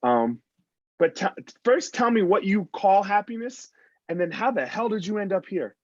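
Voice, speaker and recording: A man's voice: sits high, very animated, moderate pace, no room sound. A man in his forties hosting a podcast over a video call, talking loosely and bluntly with lots of fillers. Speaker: podcast host. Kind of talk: casual interview chat. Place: small room at home. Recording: dull dry video-call audio.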